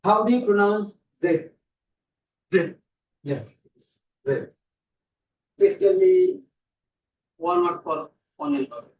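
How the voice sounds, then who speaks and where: A man teaching an English class, coaxing students slowly and repeating words for them. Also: high voice, wildly swooping pitch. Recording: echoey room, distant lo-fi mic.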